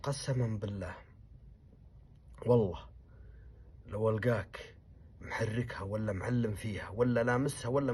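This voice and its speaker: A man, a poet telling a traditional story, acting out the characters with loud commands and low muttered asides. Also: a little hiss or hum.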